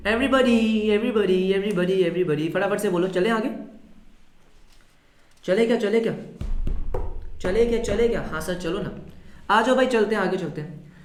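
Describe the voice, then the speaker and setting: A male accounting teacher giving a lively online class, mixing English terms into Hindi and quizzing students, then answering for them. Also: sits high, normal speed, pauses often. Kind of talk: live online class lecture. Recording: roomy echo.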